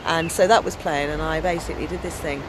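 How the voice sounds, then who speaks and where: A deep-voiced woman from England talks quickly and loudly, her strong voice carrying lively stories through a casual outdoor interview. The background is noisy, and she is an activist and storyteller.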